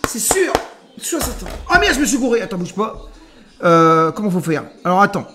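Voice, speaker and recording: A man with a high voice cooks while live-streaming and talks to his viewers. He rambles freely, mixing crude jokes with running commentary. His voice rings through a roomy, echoey kitchen. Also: sing-song, moderate pace, over loud music. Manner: rambling, crude, joking asides to chat. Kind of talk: casual live-stream chat while cooking. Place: rented apartment kitchen. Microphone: streaming setup with camera.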